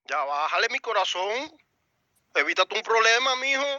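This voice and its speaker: A man calling in to a live audio room, confronting another speaker with mock-affectionate jabs and often dropping his voice low. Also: very animated, moderate pace, bright, forceful tone, no echo. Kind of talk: heated confrontation. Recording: dry, lo-fi stream audio.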